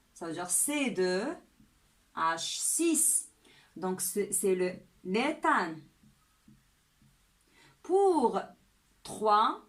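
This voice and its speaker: Woman teacher, slow deliberate delivery, animated pitch, fairly high voice, chemistry lesson. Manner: slow and deliberate, often asks "d'accord?". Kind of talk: step-by-step lesson.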